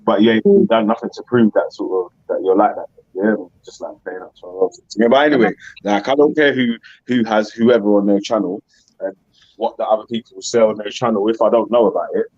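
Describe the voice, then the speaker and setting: A man's voice: lowish voice, fairly even intonation, brisk, darkish tone, husky, dry recording, muffled recording. A man with a London roadman accent hosting a casual panel, talking in street slang and tagging his points with little questions. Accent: London street slang (roadman) English. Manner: slangy, frequent tag questions. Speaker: host moderating a panel. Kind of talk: casual live panel chat.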